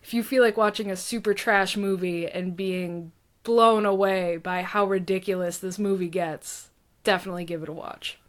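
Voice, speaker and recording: A woman's voice: mid-range voice, fairly even intonation, normal speed. A woman guest on a podcast, talking in a chatty, casual way with lots of fillers. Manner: chatty, many fillers, laughs often. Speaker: podcast guest, dungeon master.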